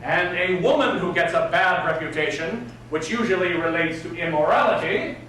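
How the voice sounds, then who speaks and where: A man's voice: a little high, moderate pace, a bit bright. A man teaching an etiquette class live, speaking with prim, precise enunciation and formal, old-fashioned politeness. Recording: very echoey room, distant mic, faint noise.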